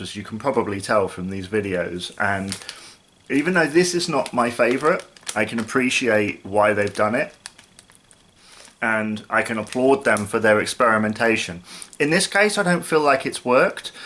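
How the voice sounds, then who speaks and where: A man's voice: medium pitch, pushed and bright. A British man in his thirties chatting casually to camera as a review host, thinking aloud a little hesitantly. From United Kingdom. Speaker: snack review video host. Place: small living room, indoors.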